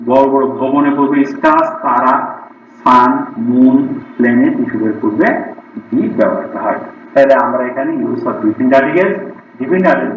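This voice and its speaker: A male English teacher with a Bengali accent giving a classroom grammar lesson, listing example words and slowing down for English sentences. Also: medium pitch. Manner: reads word lists, slows right down for English sentences. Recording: distant, roomy, dull lo-fi recording.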